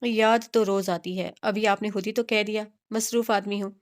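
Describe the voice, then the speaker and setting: A woman with a mid-range voice reads a romance novel aloud as scripted audiobook narration, keeping her intonation fairly even and her pace normal. She voices every character's dialogue in a near-plain manner, with small restarts here and there.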